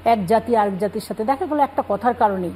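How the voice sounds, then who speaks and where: A woman speaking as a guest on a religious talk show, calmly explaining scripture and manners. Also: fairly high pitch, fast, slight background noise, low-quality recording. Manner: calm explanatory, cites scripture.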